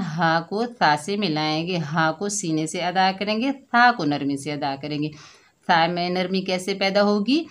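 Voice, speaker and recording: A woman teaching Quran recitation rules step by step, explaining slowly and drawing out chanted examples. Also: fairly low pitch. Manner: slow, deliberate explaining, with drawn-out chanted examples; often checks in with "theek hai". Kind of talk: step-by-step tajweed lesson.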